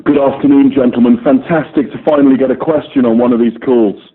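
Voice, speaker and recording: Male reporter, persistent and wordy, mid-pitched, heard down a narrow telephone line. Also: fairly even intonation, fast, slightly rough. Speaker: sports journalist. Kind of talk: press conference call questioning.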